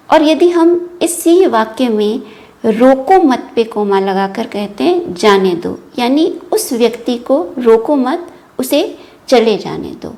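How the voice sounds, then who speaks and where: A middle-aged woman lecturing in a formal, deliberate academic manner. Her voice sits a little high and she speaks very slowly. She often pauses on small hesitation sounds as she explains each point. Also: a little mellow. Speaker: university logic lecturer.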